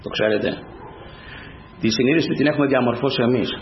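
A man's voice: medium pitch, a little hiss or hum. A man preaching a fervent sermon to his congregation, breaking up his points with repeated praise refrains. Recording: echoey room, dull lo-fi sound.

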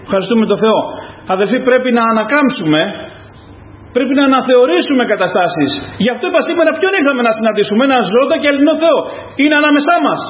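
High-voiced preaching man, echoey hall. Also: expressive. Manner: fervent, repetitive calls to the congregation. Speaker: pastor. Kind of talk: sermon. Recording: echoey, dull lo-fi church recording.

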